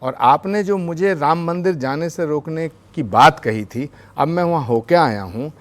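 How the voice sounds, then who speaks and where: A man speaking as a spiritual leader on a TV debate panel, measured and formal with devotional phrasing. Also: a little high. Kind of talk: TV debate argument. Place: TV studio.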